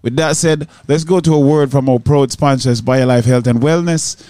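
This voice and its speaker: A man's voice: medium pitch, fairly even intonation, moderate pace, dark tone, no echo. A man hosting a radio show as DJ, talking casually in street slang between songs. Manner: laid-back, street-slang talk. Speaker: radio DJ host.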